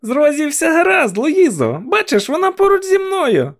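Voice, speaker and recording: Man putting on an eager little girl, calling out, very high voice, audiobook. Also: huge pitch swings, normal speed, full character voice.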